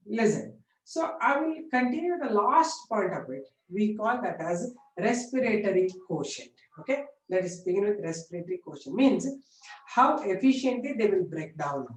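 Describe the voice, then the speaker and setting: A woman with an Indian accent teaching informally like a classroom lecturer, repeating points and often checking that students follow. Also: medium pitch. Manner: repetitive explaining with frequent check-in questions. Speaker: biology teacher. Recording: echoey room, distant mic.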